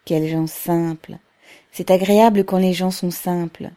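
A woman's voice: lowish voice, fairly even intonation, a little slow, warm tone, lightly acted. A woman reading aloud, voicing an earnest, worried older working-class mother in a story. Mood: eager.

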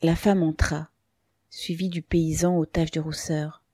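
A woman narrating a novel as an audiobook, reading calmly and evenly. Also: low-pitched, unhurried, no room sound.

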